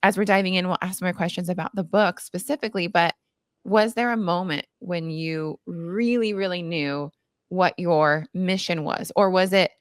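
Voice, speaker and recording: A woman's voice: on the low side, steady tone, moderate pace, no room sound, studio quality. A woman interviewing in a casual, chatty style, with an effusive, encouraging manner.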